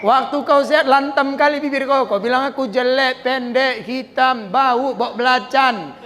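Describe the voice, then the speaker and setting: A gloating middle-aged wife, as a man acts her out, taunting her sick husband in a mocking, fairly high voice. The sound rings with the long reverb of a large hall. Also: measured pace, fairly bright tone, slight background noise.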